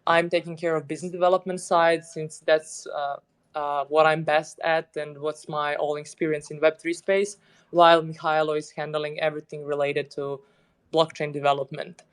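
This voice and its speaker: As a guest on an online audio chat, a Serbian head of business development talks at a normal speed in a slightly high, clear and resonant voice. He's easygoing and laughs a lot, and his non-native phrasing is loose.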